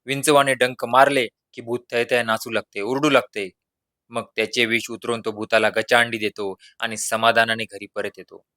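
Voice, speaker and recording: A man narrating a humorous village story in a measured, lively reading. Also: medium pitch, no room sound, clean studio sound.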